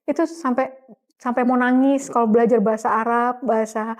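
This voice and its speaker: A woman's voice: fairly high pitch, fairly even intonation, brisk. A middle-aged woman, telling her story as an interview guest in a casual, chatty way with frequent laughs and fillers.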